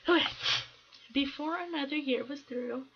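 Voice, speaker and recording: A woman's voice: high-pitched, moderate pace, highs cut off, heavy background noise. A woman reading a picture book aloud at home, breaking off into casual, giggly whispered asides. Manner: giggly, casual, drops to whispered side comments. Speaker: storyteller reading to a child. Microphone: webcam at a desk.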